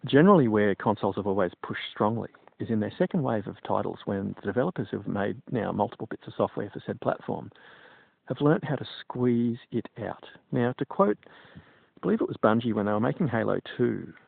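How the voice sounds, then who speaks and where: A man's voice: on the low side, animated, brisk, creaky, breathy edge, no room sound. A middle-aged man and PC technician giving his opinions on gaming in a digressive, casual monologue. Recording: tinny phone-like sound, dry.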